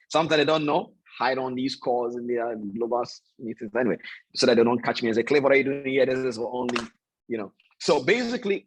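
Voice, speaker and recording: A man coaching traders on an online video call. He preaches in an animated way, repeats his points for emphasis and keeps asking his listeners if it makes sense. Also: medium pitch, husky, poor audio. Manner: talks directly to listeners, asks "does that make sense?". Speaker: trading coach. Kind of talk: motivational online call lecture.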